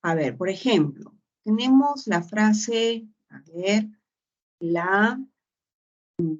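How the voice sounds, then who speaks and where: A woman's voice: medium pitch, expressive, drawn-out words. A woman teaching a grammar lesson, explaining patiently and checking in with short tag questions. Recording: dull lo-fi sound.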